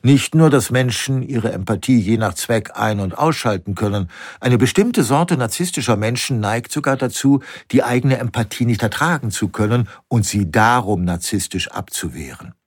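A man's voice: medium pitch, expressive, normal speed, slightly rough, dry recording, studio quality. A man narrating a first-person audiobook, reflective, asking rhetorical questions and sometimes dropping to a whisper.

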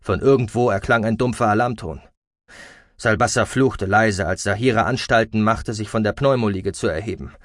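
A man narrating an audiobook in a calm, measured way. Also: on the low side, dry recording, studio quality. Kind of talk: scripted narration.

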